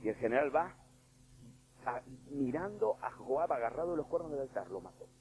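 A man preaching a sermon. He is emphatic, swings between hushed and loud delivery, and puts direct questions to his listeners. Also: medium pitch, animated, normal speed, a little hiss or hum, low-quality recording.

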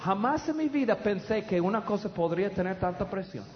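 A middle-aged man, preaching a humorous storytelling sermon in an animated, loud way with stammered restarts. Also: high-pitched, fairly quick, background noise. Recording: dull, echoey hall with audience.

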